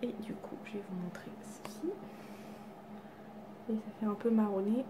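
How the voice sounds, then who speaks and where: At home with her cats around, a beauty vlogger chats casually to camera about her makeup haul. She's self-deprecating, full of fillers and restarts, speaking at medium pitch and normal speed over a noisy background.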